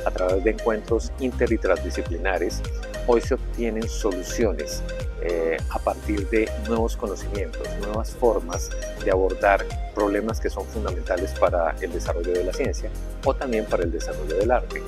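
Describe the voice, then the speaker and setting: A man giving a formal, articulate explanation in measured phrases. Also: sits low. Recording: music bed behind the voice.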